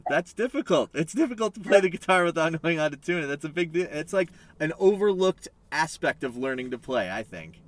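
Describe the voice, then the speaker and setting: A man's voice: on the high side, very animated, brisk, hardly any pauses, a little hiss or hum. A man hosting a podcast interview from his family van, chatty and upbeat with a rambling way of talking. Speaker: podcast host.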